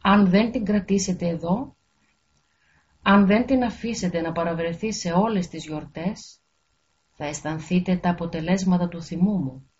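A woman's voice: on the low side, a little mellow, close to an everyday voice. A woman voicing a wrathful, powerful fairy godmother who speaks in a thundering, menacing voice, on a dull lo-fi recording. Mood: threatening.

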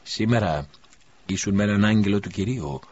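A man voicing a guardian angel in an audiobook, speaking in a measured, firm, instructive way. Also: fairly low pitch, darkish tone, natural voice. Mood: questioning. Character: guardian angel, calm, stern, authoritative. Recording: dull lo-fi recording.

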